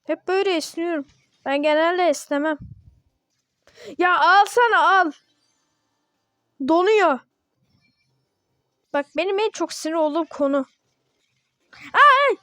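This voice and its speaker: A woman casually commenting on her own gameplay, chatty and excitable, grumbling and yawning as she plays. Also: very high-pitched, a little slow, long pauses, dry recording, clean studio sound. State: yawning, sleepy. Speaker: gaming video host.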